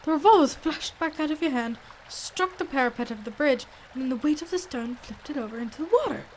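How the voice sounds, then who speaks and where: A woman's voice: high voice, fast, darkish tone, slight background noise, lightly acted, poor audio. A woman playing a loyal male doctor, a detective's earnest and easily astonished companion, in a radio drama. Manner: earnest, questioning, exclamatory.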